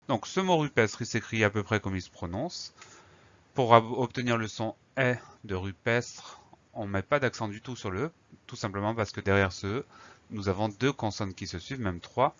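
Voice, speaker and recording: Male primary teacher, low voice, patient spelling drill, slightly muffled recording. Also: a bit bright. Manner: patient, spells words letter by letter. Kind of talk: spelling lesson for children.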